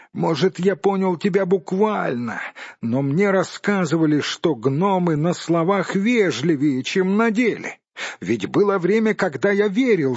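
Small male hobbit, squeaky, wounded, apologetic, a man voicing him, dull dry sound. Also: breathy edge, full character voice. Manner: squeaky, plaintive and hurt.

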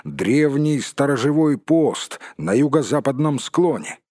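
Storybook elder dwarf, calm and regretful, husky and unhurried, as a male reader voices him. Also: mid-range voice, dry recording, clean studio sound, pitched above the performer's own voice. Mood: explaining. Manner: measured explaining.

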